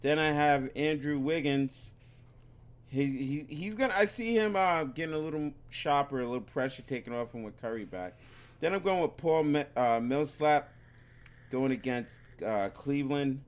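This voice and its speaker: A man's voice: on the high side, lively intonation, moderate pace, clear, resonant tone. A man co-hosting a casual sports podcast, rambling and stumbling over words while drifting on and off the mic. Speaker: podcast co-host. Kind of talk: casual sports picks chat.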